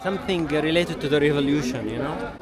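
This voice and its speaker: A man acting as local guide, translating for a visitor in a halting way with many pauses, outdoors in a crowded square. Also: a little high. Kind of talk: translating in casual conversation. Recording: outdoors amid a busy crowd.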